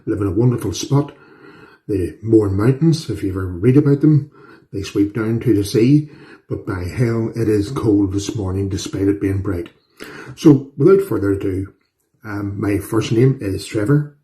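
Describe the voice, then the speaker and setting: In a home kitchen, a cooking channel host from Northern Ireland speaks in a lowish, mellow voice at a moderate pace. He leads a casual demonstration in a folksy, chatty way, often poking fun at himself.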